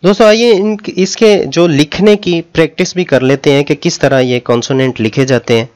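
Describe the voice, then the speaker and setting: A man teaching a language lesson, repeating each sound slowly and explaining it with patience. His voice sits a little high for a man and comes across smooth and clear. He speaks Urdu as his first language. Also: a little mellow. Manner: slow drawn-out pronunciation drills, patient explaining.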